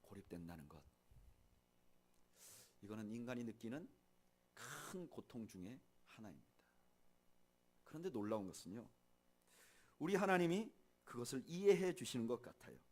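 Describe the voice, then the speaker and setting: Korean pastor preaching, loud then hushed. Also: male voice, mid-range voice, very animated. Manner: shifts from loud emphatic lines to soft hushed ones; slow measured reading of scripture with the congregation. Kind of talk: sermon. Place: church sanctuary.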